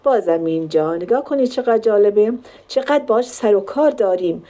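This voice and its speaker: An animated woman with a dark, mellow, mid-range voice leads a Quran recitation lesson. She breaks down every point step by step and pronounces the sample words slowly and drawn out, showing how long each sound should be held.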